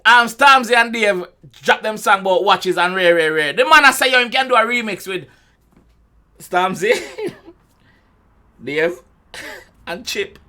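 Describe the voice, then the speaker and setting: Jamaican man, young adult, high bright voice, lively swooping delivery, reaction commentary. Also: unhurried, long pauses. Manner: loud exclamations, swearing, laughing outbursts. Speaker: music reaction host.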